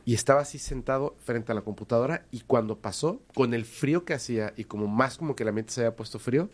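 Mexican man, casual animated storyteller, hesitant, repeats himself for emphasis. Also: mid-range voice, quick pace. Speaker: guest telling a story.

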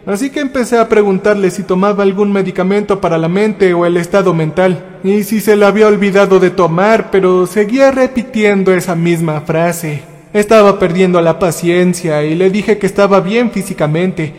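High-voiced man narrating a horror story. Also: darkish tone. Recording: faint music behind. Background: faint music.

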